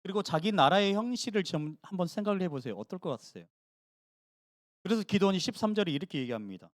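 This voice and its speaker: This high-pitched, fast-talking pastor preaches a sermon in a church sanctuary, putting questions to the congregation and performing the voices of Gideon and God with animation. The recording is dry and studio quality.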